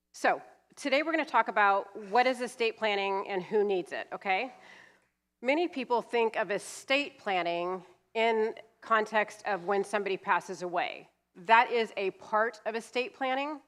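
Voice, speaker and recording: A woman in her fifties from California, a guest speaker and estate planning attorney, explains her seminar material plainly with some fillers. She has a cold and sounds sniffly. Her voice is mid-range and a bit bright, picked up by a handheld mic in a church hall.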